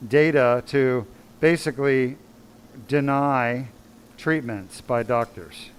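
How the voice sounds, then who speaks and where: A man's voice: medium pitch, a little hiss or hum, low-quality recording. A man, a spine surgeon, giving a blunt, emphatic live question-and-answer talk full of rhetorical questions.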